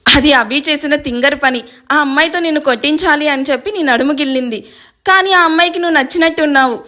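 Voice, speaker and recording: Brief: a woman doing an amused young man in an audio story, high-pitched. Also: quick pace, sharp tone. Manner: laughing and explaining.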